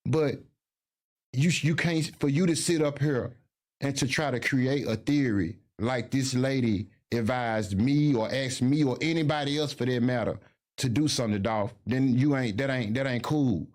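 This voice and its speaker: A man's voice: medium pitch, moderate pace, darkish tone. A man arguing on a podcast, defensive and stammering as he repeats himself. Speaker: podcast guest. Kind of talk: heated casual interview.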